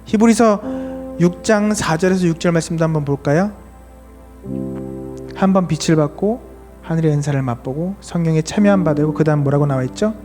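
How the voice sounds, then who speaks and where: A male pastor preaches to a church service, his voice sitting a little high for a man. He keeps asking the congregation questions and swings from fervent, raised prayer down to soft, low speech. Faint music plays underneath. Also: fairly quick. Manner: asks the congregation questions and reads scripture aloud. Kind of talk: sermon. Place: church service for young adults.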